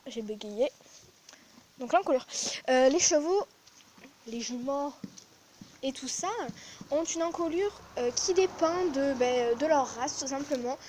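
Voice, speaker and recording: A woman's voice: high voice, darkish tone. A young woman with a French accent explaining horse anatomy in a casual vlog, full of fillers and restarts. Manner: chatty, many fillers and restarts. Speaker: horse vlogger. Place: outdoors in a stable yard with horses.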